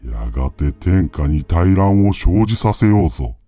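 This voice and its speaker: A man voicing the proud, menacing ghost of an emperor in a husky, hushed, eerie ghost story. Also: sing-song, a little slow, heavily acted. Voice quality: very deep, husky, breathy.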